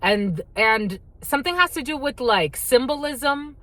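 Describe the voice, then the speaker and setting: A woman whose first language is Spanish gives a casual tarot reading in a high, animated, sharp-toned voice at a measured pace, recorded without echo. She's blunt, swears freely, and calls her viewers "my lovies."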